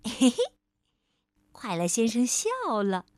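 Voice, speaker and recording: A woman storyteller reading a picture book aloud to a child, gently addressing the listener as darling. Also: a little high, slow pace, no echo, studio quality.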